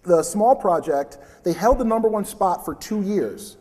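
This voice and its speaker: Conference speaker, male, loud and chatty, reverberant hall. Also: high-pitched, lively intonation, unhurried. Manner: loud, chatty, invites interruptions. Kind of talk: live conference presentation.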